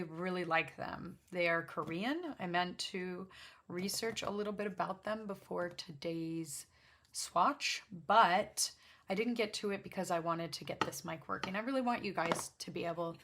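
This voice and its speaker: A woman speaks in a fairly low register with a slightly gravelly edge. She hosts a casual art demonstration in a chatty, unscripted way. Her talk rambles, with self-interruptions and an apologetic manner. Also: normal speed, a bit bright. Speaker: host of an art livestream swatching watercolors. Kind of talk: casual chat to camera while demonstrating. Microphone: backup microphone.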